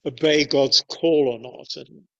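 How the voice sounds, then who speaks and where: A man preaching a sermon in a measured, deliberate way with pauses. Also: mid-range voice, steady tone, a bit bright. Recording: dull lo-fi recording.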